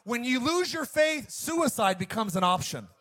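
A man's voice: extremely high pitch, animated, normal speed. A male pastor preaching an emphatic sermon to his congregation. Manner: emphatic, preacherly, swings between loud and quiet.

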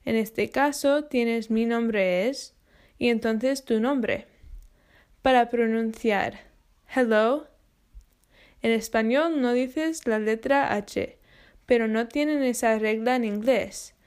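A woman giving a scripted English pronunciation lesson, spelling out sounds slowly and carefully. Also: fairly high pitch, a little mellow, clear, resonant tone. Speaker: English teacher.

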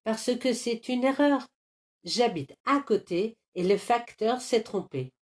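A woman voicing a stubborn young boy, pleading and insisting in a high voice in a storybook reading. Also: expressive, slow, darkish tone. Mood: insistent. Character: stubborn young boy wanting his book.

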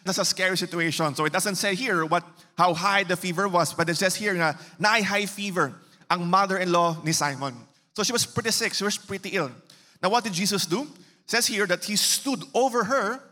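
Bright-voiced Filipino pastor with a Cebuano accent. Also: male voice, sits high, a little fast. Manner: mixes English with Bisaya, conversational preaching with rhetorical questions. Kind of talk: sermon. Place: church hall. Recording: reverberant church hall.

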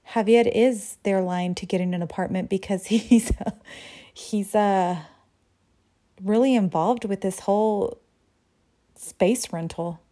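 A woman's voice: mid-range voice, dark tone. A woman casually recapping a telenovela episode, swearing freely and acting out the characters' lines with big jumps in her voice. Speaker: recap host.

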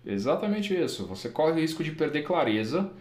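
A man with a Brazilian Portuguese accent co-hosts a casual podcast. His slightly high voice rises and falls a lot as he makes emphatic points, and the room around him rings with echo. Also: brisk. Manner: animated, laughs often, emphatic. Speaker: podcast co-host and interpreter. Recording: echoey room.

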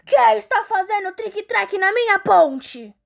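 A woman voicing a greedy, bad-tempered old male troll who roars threats, pitched well above her usual voice. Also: animated, a little slow, gravelly, exaggerated voice. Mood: roaring. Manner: roaring, threatening.

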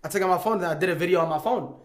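A man, a podcast guest telling a story in casual chat, animated, stumbling and repeating words as he acts out what others said. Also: sits high, racing.

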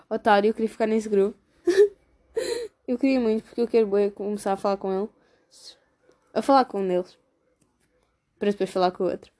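A woman's voice: on the high side, warm tone. A teenage girl with a European Portuguese accent, chatting casually and gossiping about her class in a slangy way. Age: teens. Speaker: student vlogger. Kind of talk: casual chat.

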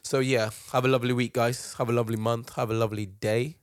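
A young man with an urban London accent and street slang, hosting a casual podcast with teasing, animated storytelling. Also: medium pitch, fast, no room sound, studio quality. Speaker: podcast host.

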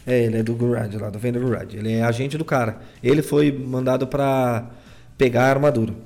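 A man's voice: mid-range voice, fairly even intonation, a little fast, a little mellow. Rambling man recapping an anime. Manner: rambling, many stumbles and repeats. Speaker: anime reviewer. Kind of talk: casual episode recap.

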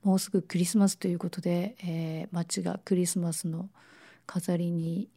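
Raspy, hoarse woman radio host, low and mellow. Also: little pitch movement, moderate pace. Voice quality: raspy, gravelly hoarse voice like a smoker's rasp. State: hoarse from a lingering cold, prone to coughing. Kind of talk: casual radio talk.

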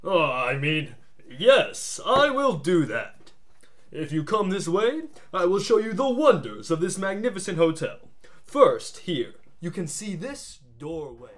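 A pompous superhero posing as a hotel tour guide, as a man plays him, oversells everything in a grandiose manner. His voice is high for a man and swoops widely at a slow pace. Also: sing-song, a bit bright, full character voice. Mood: flustered. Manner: grandiose, theatrical salesman tone. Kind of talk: amateur audio drama acting.

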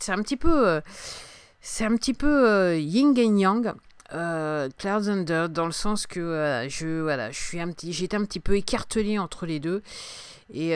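Hesitant woman in her fifties, smooth voice. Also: on the low side, no echo. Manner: hesitant, many pauses and restarts. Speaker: singer-songwriter hosting a podcast. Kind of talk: casual solo podcast talk.

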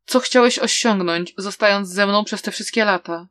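A woman voicing a calm, protective young swordsman who speaks in a low hush. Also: normal speed, no echo, close to an everyday voice. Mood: tense. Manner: hushed and low.

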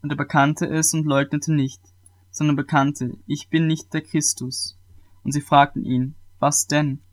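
A man reads scripture aloud in a steady, measured way. His voice sits a little higher than most men's. Now and then he trips on a word and starts it again. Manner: measured reading with occasional small restarts.

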